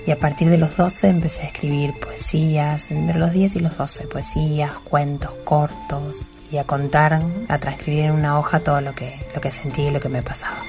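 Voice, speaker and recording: A woman from Argentina, a poet speaking softly and reflectively about her writing, with hesitant restarts. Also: sits low, little pitch movement, moderate pace, hardly any pauses. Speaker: poet guest. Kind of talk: recorded interview and poetry reading. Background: music.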